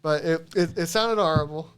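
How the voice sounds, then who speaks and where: A man's voice: fairly high pitch, normal speed, fairly bright tone, a little hiss or hum. A man co-hosting a podcast, casually recapping a movie, rambling, swearing and laughing as he goes. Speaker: podcast co-host.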